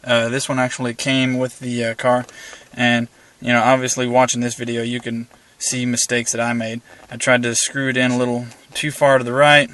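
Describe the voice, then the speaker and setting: A man with a flat, slightly bright mid-range voice talks at a moderate pace with few pauses. Handheld camera in his car, he gives a casual, meandering walkthrough of his setup, plain in tone and heavy on "uh" fillers.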